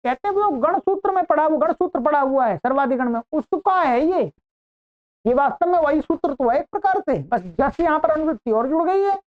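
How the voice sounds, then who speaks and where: A woman's voice: high-pitched, lively intonation. A woman teaching Sanskrit grammar in an online lecture, explaining patiently and checking in with the listener as she goes. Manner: slow, explanatory, repeats points with "ठीक है". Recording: dull lo-fi audio.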